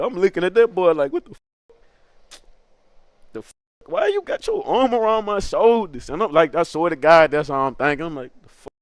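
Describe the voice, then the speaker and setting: A young man telling a funny story in a casual, animated, slangy way, acting out other people's lines in a high voice. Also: clear, resonant tone, no room sound, clean studio sound. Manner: animated slangy street storytelling, laughing, acts out quotes in a high voice.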